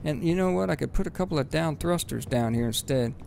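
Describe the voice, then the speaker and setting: A man giving rambling, casual let's-play commentary on his game, swearing freely and breaking into excited bursts. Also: on the high side, quick pace, vocal fry, a little hiss or hum. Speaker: gaming video host.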